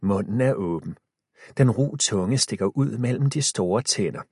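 A man reads a children's adventure aloud, lively in pitch and quickening or slowing with the suspense. His voice is low and husky, recorded close and dry. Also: dry recording. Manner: expressive, shifting pace with the tension. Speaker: audiobook narrator. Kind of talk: scripted storybook narration.

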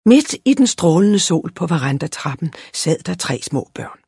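A storybook narrator with a husky, slightly breathy voice that reads with lively expression. The pitch sits in a middle range. The recording is close and dry. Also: no echo. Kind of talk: storybook reading.

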